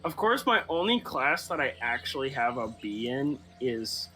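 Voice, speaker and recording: A man's voice: mid-range voice, sing-song, moderate pace, pushed and bright. A young man in casual chat with friends while playing a game. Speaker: player in group gaming session. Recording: music behind the voice. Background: music.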